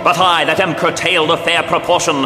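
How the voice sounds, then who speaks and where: A man's voice: fairly high pitch, little pitch movement, fairly quick, sharp tone, reverberant, big-room sound, soft background music, voice pushed up. A man playing a scheming, deformed Shakespearean villain king in a declamatory comic radio parody. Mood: menacing, brooding. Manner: declamatory, theatrical.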